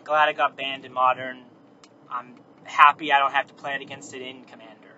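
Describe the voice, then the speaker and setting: His mid-range voice is brisk, bright and forceful, though his delivery stays flat, as this host rambles through a casual, unscripted monologue and corrects himself along the way. He's recording on his phone inside a car while driving, and the audio is muffled with faint road noise.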